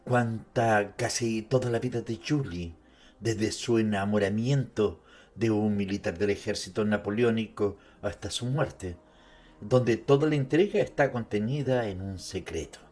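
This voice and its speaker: A man's voice: fairly low pitch, measured pace, darkish tone. A man giving a dramatized literary narration, speaking directly to the listener with conversational asides. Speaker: narrator presenting an author's life and works. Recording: music behind the voice. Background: music.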